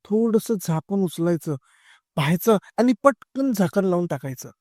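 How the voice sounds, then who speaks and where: A man voicing an excitable, mischievous young boy in a told comic story. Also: sits high, moderate pace, no echo, clean studio sound. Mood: scheming.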